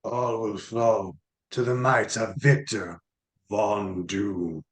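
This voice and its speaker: Man voicing a male sorcerer king, quiet, smug, cold, scheming. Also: fairly low pitch, fairly even intonation, slow.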